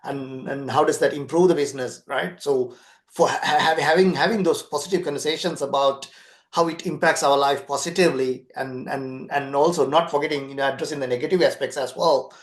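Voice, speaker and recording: A man's voice: medium pitch, fairly quick, reverberant. A man co-hosting a business podcast, speaking earnestly, repeating words, and often checking in with "right?". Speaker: podcast co-host, transformation consultant. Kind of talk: conversational business podcast discussion.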